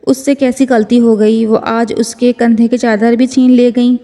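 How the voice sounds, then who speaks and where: A woman reading a romance novel aloud, slow and emotional. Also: on the high side, level tone, warm tone. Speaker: novel reader. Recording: long hall reverb.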